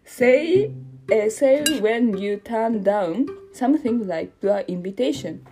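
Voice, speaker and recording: A young woman in her twenties co-hosting a casual chat, animated and laughing, mixing in English words. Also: fairly high pitch, drawn-out words, soft background music. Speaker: podcast co-host.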